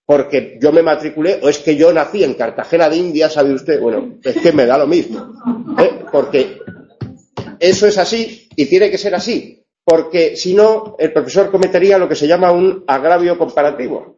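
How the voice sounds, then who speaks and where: A man's voice: fairly high pitch, moderate pace, dark tone, muffled recording. A man teaching a university class, wry and digressive, often restarting his sentences. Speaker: university tutor. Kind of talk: classroom lecture with questions.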